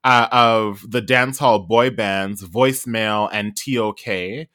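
A man co-hosting a podcast, chatting casually and reading an article aloud, animated and full of ums. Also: fairly low pitch, slow pace. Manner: animated, trails off with many ums. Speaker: podcast co-host.

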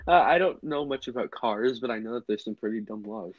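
A man's voice: medium pitch, brisk, dry recording, dull audio. A young man co-hosting a casual podcast, laid-back and easily amused. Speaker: podcast co-host.

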